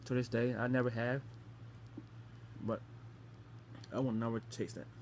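A young man talks casually to his phone camera while eating gross jelly beans. His voice sits at an ordinary middle pitch. The home recording has a faint noise under it. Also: level tone, unhurried. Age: young adult. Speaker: vlogger hosting a taste challenge. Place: small bedroom indoors. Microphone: phone camera at arm's length.

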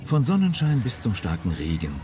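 A very deep male voice reads a polished documentary script, his pitch rising and falling with lively emphasis. He sounds measured and informative, with music running clearly beneath him. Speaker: narrator. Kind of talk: scripted magazine narration.

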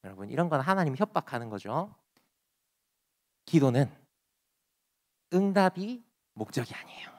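A man preaching a sermon as pastor, acting out pleading prayers and dropping from loud to soft. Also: on the high side, very animated, normal speed, long pauses. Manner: acts out pleading prayers in quoted voices, swings loud and soft. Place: church sanctuary.

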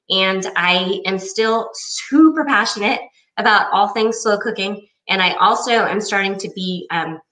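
A woman's voice: medium pitch, pushed and bright, roomy sound, distant mic, rough recording. A woman in her forties, a cookbook author, telling her personal story in a chatty, enthusiastic way. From United States. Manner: chatty and enthusiastic, acts out quoted voices.

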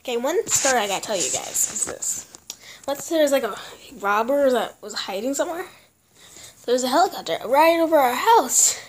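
A woman's voice: sits high, animated, moderate pace. A teenage girl talking casually and rambling to a tablet camera at home while vlogging. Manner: chatty, giggly, rambling. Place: home kitchen and bedroom. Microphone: tablet camera at arm's length.

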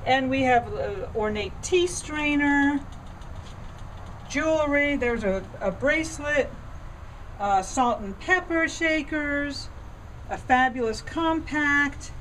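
A woman's voice: sits high, slow, fairly bright tone, slight background noise, low-quality recording. A middle-aged woman giving an enthusiastic, conversational tour of silver pieces in an antiques shop, with fillers and restarts, recorded on a nearby camera. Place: indoor antiques shop among display cases.

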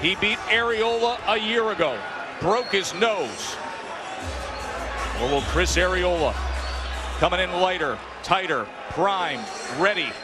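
Man, sports commentator, punchy dramatic phrasing, raised pitch, busy crowd behind. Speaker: boxing commentator. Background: arena crowd and music.

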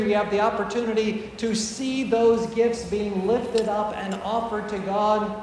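A man preaching a sermon to a congregation, earnest and emphatic, slowing down to stress key phrases. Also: high voice, darkish tone, a little hiss or hum. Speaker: priest. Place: large church with painted walls, congregation present. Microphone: far camera at the back of the church. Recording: very echoey church hall with faint ambience.

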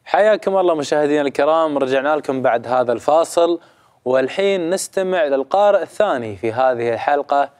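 A man's voice: fairly high pitch, lively intonation, a little mellow. A man hosting a recitation competition show, thanking guests and addressing viewers. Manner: brisk, courteous, addresses viewers directly. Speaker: show host.

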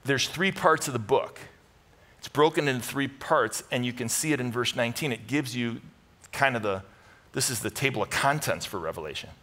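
A middle-aged American pastor preaches a Bible-teaching sermon to a live congregation from an indoor church stage. His medium-pitched, sharp voice moves at a normal speed, delivering punchy, conversational short phrases with repeated emphasis.

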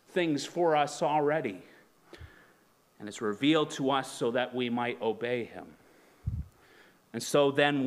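A man in his thirties preaching a sermon from a church pulpit, earnest and measured, asking the congregation rhetorical questions. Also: on the high side, fairly bright tone. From Canada. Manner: gestures broadly while leaning on the pulpit. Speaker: pastor. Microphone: pulpit microphone.

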